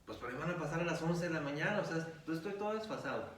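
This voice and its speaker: A man's voice: fairly high pitch, animated, very fast. A middle-aged man, a preacher telling a long personal story in an interview, with many fillers as he rambles. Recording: echoey room, distant mic, faint ambience.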